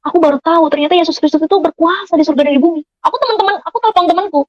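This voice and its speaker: A woman's voice: extremely high pitch, rapid-fire, dry recording, lo-fi sound. A woman giving an emotional personal testimony, speaking earnestly to her listeners as friends, with many fillers.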